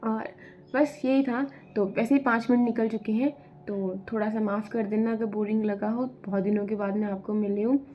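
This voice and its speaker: A woman's voice: mid-range voice, steady tone, moderate pace, muffled recording. Chatty young woman vlogging her studies. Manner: chatty, mixes English phrases into Hindi, says "yaar" often. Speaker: vlogger preparing for civil services exam. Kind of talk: casual chatty study vlog.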